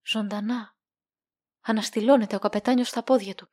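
A woman narrating a literary audiobook in a measured, calm reading. Her voice sits fairly high, and the recording is dry and close with no room echo.

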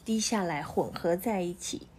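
A woman reading a picture book aloud to her child at home, pausing to ask the child questions as the story goes. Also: fairly low pitch, a little hiss or hum. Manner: lively, questioning the child as she reads.

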